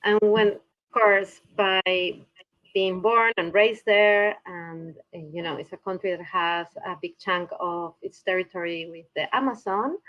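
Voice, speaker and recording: A guest climate researcher from Peru speaks remotely on a podcast interview over a video call. Her voice is medium-pitched and a little slow, and the recording sounds muffled. She is thoughtful and often restarts as she searches for words.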